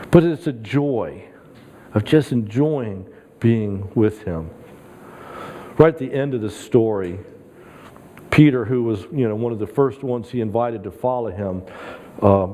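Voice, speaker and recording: A man preaching a sermon as a guest speaker, in a casual, conversational way with frequent chuckles. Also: fairly low pitch. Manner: conversational, chuckling, animated when quoting Peter. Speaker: guest pastor. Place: church sanctuary. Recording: long reverb in a church hall.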